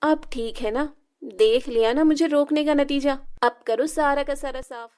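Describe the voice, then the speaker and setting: A woman's voice: high voice, steady tone, a little slow, a little mellow, pitched above the performer's own voice. A woman voicing a spoiled, mean teenage daughter with a bratty, mocking way of talking.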